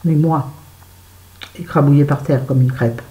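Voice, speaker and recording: Speaking steadily at a measured pace, a low-voiced woman tells her viewers a story in a casual make-up vlog filmed in her bedroom. She's chatty and swears freely, and the recording is reverberant and muffled.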